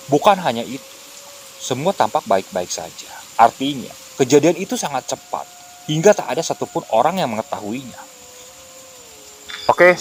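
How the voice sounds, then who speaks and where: A man narrating a scripted horror story in a quiet, deliberate manner. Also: mid-range voice, slight background noise.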